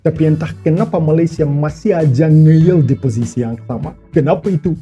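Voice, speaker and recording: A man's voice: on the high side, fairly quick, warm tone, muffled recording, faint music behind. A man who learned Indonesian as a second language, chatting to viewers in a casual explainer vlog. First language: not Indonesian. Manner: chatty, keeps addressing viewers as guys. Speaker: vlogger.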